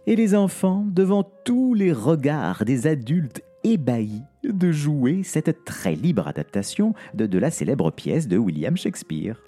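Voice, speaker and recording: A man telling a spooky family story aloud, playful and expressive. His voice is mellow and a little husky, with a lively pitch that rises and falls. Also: a little slow, few pauses, faint music behind. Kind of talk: reading a story aloud to a child.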